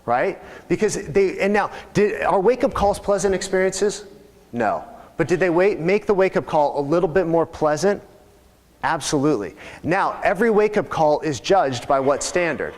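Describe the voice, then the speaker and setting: A man's voice: a little high, expressive, normal speed. A man leading a live real estate sales training, talking conversationally and asking the audience questions. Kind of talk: live training seminar talk. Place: training room with reverb. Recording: live room recording with long reverb.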